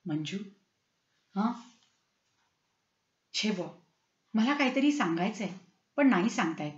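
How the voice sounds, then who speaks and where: A woman voicing a teasing, affectionate young husband who coaxes his wife in a low, hushed voice. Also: lively intonation, measured pace, lightly acted. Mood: hushed, tender. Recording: roomy, slightly dull recording.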